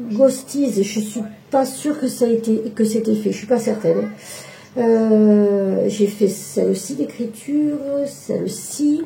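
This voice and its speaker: With slight noise behind her, a woman whose medium-pitched voice is warm and carries vocal fry casually presents her cross-stitch work. She's an embroidery vlogger, and her show-and-tell talk stumbles with frequent pauses and fresh starts.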